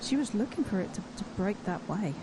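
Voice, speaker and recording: A woman's voice: medium pitch, lively intonation, brisk. A woman giving live analysis as a golf commentator on the course. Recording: very noisy outdoor broadcast.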